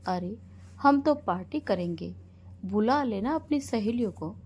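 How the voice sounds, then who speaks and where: A woman voicing a sharp-tongued older mother in a storybook tale, scolding and indignant. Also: medium pitch, animated, unhurried, breathy edge. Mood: reassuring.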